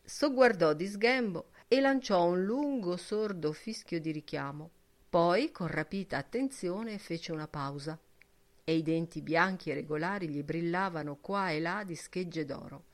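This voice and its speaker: A woman narrating a literary audiobook in a measured, expressive reading. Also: on the low side. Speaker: audiobook reader.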